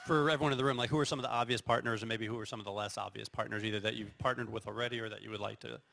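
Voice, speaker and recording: A man's voice: on the low side, steady tone, racing, vocal fry, sharp tone, slight background noise. A man, a venture capital investor, moderating an onstage fireside chat in an affable, joking manner. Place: conference stage before an audience.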